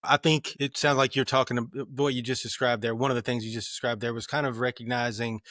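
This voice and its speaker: Flat-voiced male host, halting questions. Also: mid-range voice, dry recording, clean studio sound. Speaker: podcast host. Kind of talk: casual interview chat.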